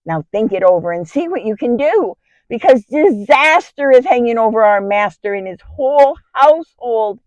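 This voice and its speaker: Lady doing worried shepherd servant guy in a bible play, urgent and pleading, kinda high, dry lo-fi audio. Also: animated, moderate pace, a little mellow, dry recording, natural voice. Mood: warning. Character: alarmed male shepherd servant pleading with his mistress. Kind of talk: dramatic Bible monologue.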